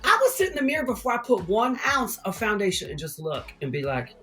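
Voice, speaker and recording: A man with a Texan accent, a drag queen telling a sassy, animated story and acting out the voices in it. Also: high-pitched, brisk, faint music behind. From Texas.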